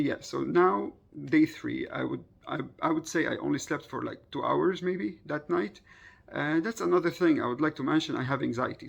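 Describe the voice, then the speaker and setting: Gravelly, husky man recounting casually. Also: medium pitch, dull audio. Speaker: vlogger recounting a personal experience. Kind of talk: casual personal storytelling.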